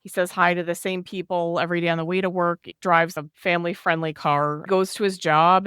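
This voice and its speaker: A woman co-host on a talk podcast with a low, smooth, resonant voice. She talks in a relaxed, reflective way and walks through a story at length. The sound is close and dry. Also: no room sound. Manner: thoughtful, recounts film plot at length. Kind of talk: casual podcast chat.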